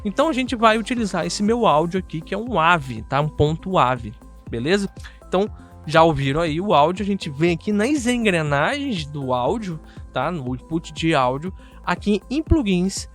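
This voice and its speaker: A high-pitched male voice with a Brazilian Portuguese accent. He presents a software tutorial in a casual, chatty way, speaking directly to his viewers and often tagging on little check-in questions. Faint music plays underneath. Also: lively intonation, normal speed. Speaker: host of an audio software tutorial channel.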